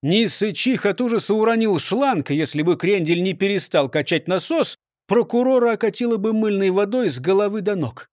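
Animated man reading a children's storybook. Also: sits high, brisk, hardly any pauses, dry recording, clean studio sound. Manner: animated, expressive. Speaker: narrator. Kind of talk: storybook narration.

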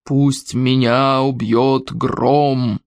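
A man's voice: high voice, very animated, normal speed, no echo. A man reading a storybook, voicing a boastful, bossy schoolboy who speaks in a solemn, commanding way.

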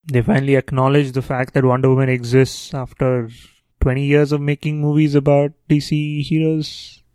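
A man's voice: mid-range voice, completely flat delivery, moderate pace, dark tone, no echo. A man co-hosting a casual podcast chat, his remarks wry and sarcastic. His voice sits mid-range, recorded close and dry with no room sound. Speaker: podcast co-host.

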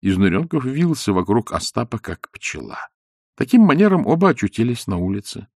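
Man, audiobook narration, expressive storytelling, mid pitch, lively intonation, dry close studio sound. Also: a little fast, no echo.

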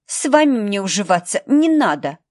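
A woman's voice: medium pitch, big pitch swings, normal speed, darkish tone, no echo, clean studio sound, lightly acted. Woman doing a defiant teenage girl. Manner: indignant, defiant. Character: rebellious teenage schoolgirl, proud and defiant.

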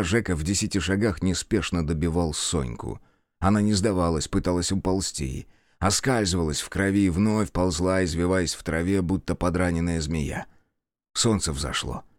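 A man giving a tense, measured dramatic narration of a story. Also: sits low, a little mellow, no room sound, clean studio sound. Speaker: audiobook narrator.

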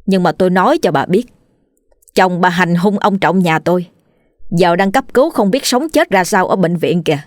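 A woman's voice: lowish voice, normal speed, no room sound, studio quality, close to an everyday voice. A woman doing a spiteful, sneering village wife. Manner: sneering, scolding.

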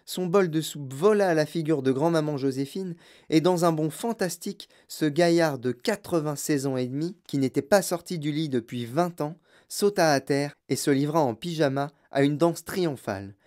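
Audiobook narrator, expressive, lively, storybook reading, mid-pitched voice. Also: normal speed.

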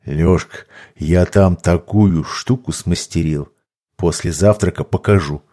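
A woman voicing a crafty male dwarf who mutters in a low, conspiratorial way. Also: a little slow, mellow.

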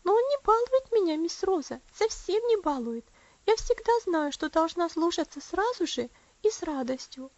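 A woman's voice: very high-pitched, expressive, a little slow, no room sound, muffled recording, pitched above the performer's own voice. A woman voicing an earnest, tender little girl in an audiobook, speaking eagerly and from the heart. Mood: eager, heartfelt. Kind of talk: audiobook character voice.

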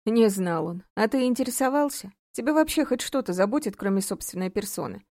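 A cold, commanding middle-aged mother and judge in an audiobook, voiced by a woman reader. She talks sharply, with biting sarcasm, in a soft, mellow tone. The recording is close and dry. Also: medium pitch, lively intonation, fairly quick, no echo, close to an everyday voice. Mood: scornful.

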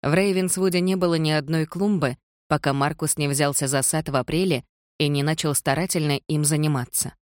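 An audiobook narrator reading a period romance in an even, measured way. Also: mid-range voice, no echo, clean studio sound. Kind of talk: scripted narration.

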